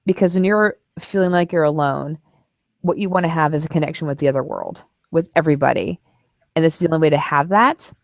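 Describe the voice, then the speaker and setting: A woman's voice: deep voice, fast talker, creaky, no echo, clean studio sound. A woman co-hosting a casual book club discussion, frank and opinionated about what she read.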